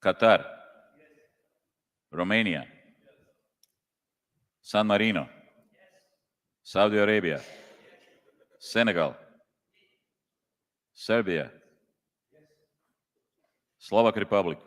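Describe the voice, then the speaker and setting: Slow deep-voiced man calling a roll. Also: fairly bright tone. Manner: slow, reads out country names one by one. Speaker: congress official calling the roll. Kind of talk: roll call at a meeting. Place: large conference hall. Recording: long hall reverb.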